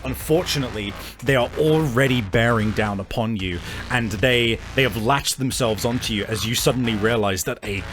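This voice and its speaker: A man with a mid-range voice runs a tabletop roleplaying game as game master, with background noise in the recording. His narration is halting and improvised.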